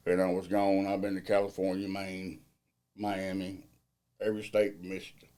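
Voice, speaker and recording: A middle-aged field crew general foreman with a low, deep voice answers casual interview questions about his work at normal speed. He speaks loudly and plainly, with loose, folksy grammar and a mellow, relaxed tone.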